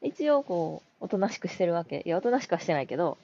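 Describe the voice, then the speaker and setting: Lively Kansai woman, chatty. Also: on the low side, quick pace, dull audio. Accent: Kansai Japanese. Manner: chatty, laughs often, quotes others in a raised voice. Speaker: podcast co-host. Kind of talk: casual chat.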